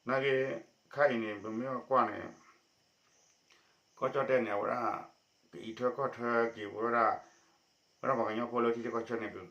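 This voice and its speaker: A man presenting a news report with a steady spoken delivery. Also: medium pitch, moderate pace, pauses often. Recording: echoey dull lo-fi recording.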